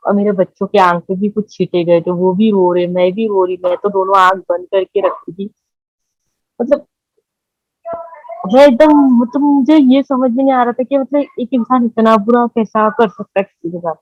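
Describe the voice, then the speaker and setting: A woman, telling her own story in halting speech, with many fillers and repeated words. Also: mid-range voice, no room sound, muffled recording. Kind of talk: emotional personal testimony.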